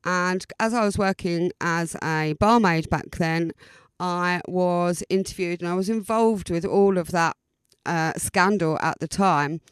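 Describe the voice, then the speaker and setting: Smooth-voiced Essex woman, chatty podcast host. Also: fairly low pitch, measured pace, dry recording. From Essex, England. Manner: chatty, hesitant, often repeating words for emphasis. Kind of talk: informal autobiographical podcast monologue.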